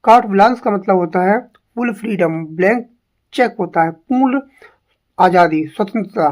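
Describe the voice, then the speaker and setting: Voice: mid-range voice, moderate pace, a little mellow. An English teacher giving an exam-prep lesson, drilling each word by repeating it and asking rhetorical questions.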